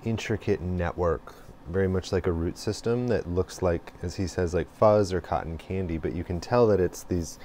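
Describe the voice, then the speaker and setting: A man hosting a reflective monologue, speaking slowly and thoughtfully with many pauses and fillers. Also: deep voice, dark tone, a little hiss or hum. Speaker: host.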